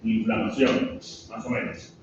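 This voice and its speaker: A man's voice: a little slow, recorded from a distance, noisy background. A male pharmacology lecturer with a Venezuelan Spanish accent, giving a classroom lecture and often checking in with the students. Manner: asks the class questions, frequent "¿sí?" checks. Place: large classroom. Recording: echoey, muffled classroom from afar.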